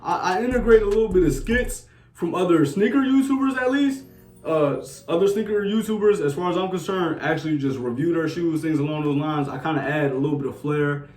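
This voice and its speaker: Answering viewer questions in a casual Q&A vlog, this twenty-something sneaker YouTuber from New Jersey talks in a Jersey accent, relaxed and slangy, full of fillers. His voice is on the high side, a little mellow, and fairly quick. He's far off-mic in an echoey room with faint music.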